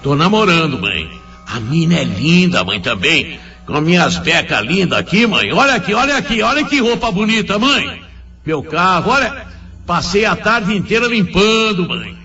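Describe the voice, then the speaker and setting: A man's voice: high voice, very animated, normal speed, pushed and bright, soft background music, exaggerated voice. A man voicing a cocky young man who brags in slang to his mother, on a muffled old radio recording. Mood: boastful. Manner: slangy, boastful, calls for his mother every line.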